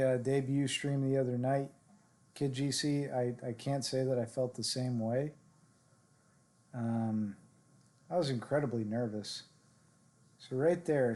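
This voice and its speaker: A man giving casual live-stream commentary on his gameplay, chatting with viewers and coaching himself through his shots. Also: medium pitch. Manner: chatty, answers viewer chat directly; relaxed, self-coaching talk with fillers. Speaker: game streamer.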